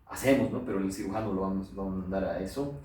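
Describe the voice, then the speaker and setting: This man speaks in a low voice at a racing pace. He's a middle-aged pathologist with a Bolivian Spanish accent, lecturing with plenty of anecdotes as a lively storyteller who performs the voices he quotes. Captured from a distance, his voice carries a roomy echo.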